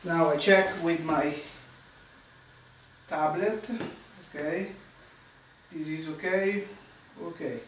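Demonstrating a dish at home, this man from Vietnam, in his thirties, hosts a casual cooking channel and pauses often to find English words. His voice is a little high and steady. Recorded on a camera mic held at arm's length or across the room, the indoor kitchen sounds echoey with faint noise.

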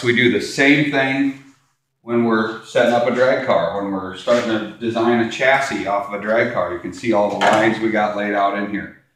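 A man's voice: mid-range voice, fairly bright tone. Plain-spoken man in an echoey garage. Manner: plain-spoken, practical, repeats phrases as he works. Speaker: host. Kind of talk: casual how-to demonstration. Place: large garage workshop, indoors.

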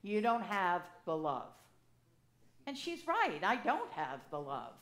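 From the pulpit of a reverberant church sanctuary, the sixty-something assisting priest tells her sermon like a story, conversational and full of lively gestures, into a gooseneck pulpit mic. She speaks slowly, with a voice on the low side.

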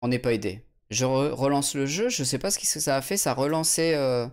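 A man's voice: medium pitch, fairly quick, clean tone. Chatty swearing male game streamer. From France. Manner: chatty, swearing, reads chat aloud. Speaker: let's play streamer. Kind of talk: casual gameplay commentary. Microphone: USB studio condenser mic.

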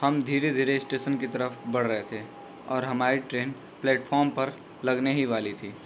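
A man's voice: medium pitch, fairly even intonation, normal speed, over music. A young man narrating his train journey as a voice-over, in a casual, loosely worded way with restarts. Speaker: travel vlogger.

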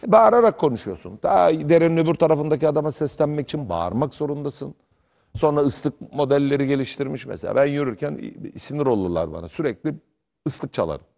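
Middle-aged man, sports pundit, lively swooping delivery, fiery argumentative tone, somewhat high voice. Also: fast, creaky. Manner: heated, animated arguing. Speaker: sports commentator. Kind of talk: studio sports talk.

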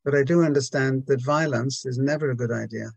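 A man's voice: mid-range voice, brisk, gravelly, slightly rough, dry recording, low-quality recording. A man giving a reflective Buddhist talk to a group, hesitant and full of restarts and rhetorical questions.

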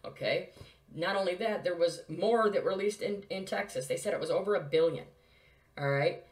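A man's voice: sits high, normal speed. A man hosting his own video, reading articles aloud and reacting in an agitated, scornful, repetitive way. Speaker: conspiracy video host.

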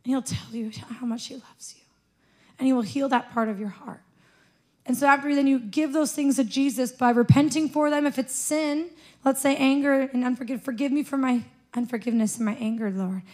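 A young woman with a fairly high voice leads a congregation from a church stage, gently coaching them. She speaks into a handheld microphone in a church auditorium. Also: fairly even intonation, brisk. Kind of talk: sermon with guided prayer. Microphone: handheld mic.

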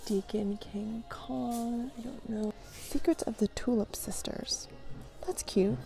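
A woman with a fairly high, slow, creaky voice, dark in tone and fairly even in intonation, vlogs casually while browsing books in a thrift store. Chatty and giggly, this book vlogger muses half to herself, with faint music in the background.

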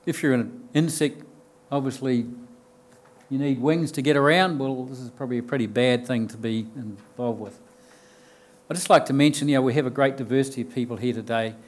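A man's voice: mid-range voice, steady tone, a little fast, a little mellow. An older man with a New Zealand accent giving a conference talk from a podium, explaining plainly with frequent ums and restarts. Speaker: conference speaker. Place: lecture room with bookshelves and audience. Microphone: podium mic.

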